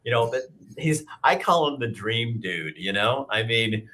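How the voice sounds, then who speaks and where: A man's voice: medium pitch, expressive, a little slow, pushed and bright. Rambling man hosting a video call. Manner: rambling, restarts often. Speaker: host. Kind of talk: casual interview chat. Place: indoor office with brick wall. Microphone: video call webcam.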